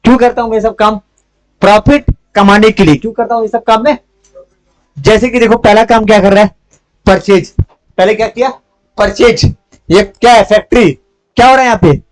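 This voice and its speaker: A man's voice: high voice, steady tone, normal speed, long pauses, low-quality recording. A young man teaching a commerce class, full of energy, who keeps asking questions and answering them himself. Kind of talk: live class lecture.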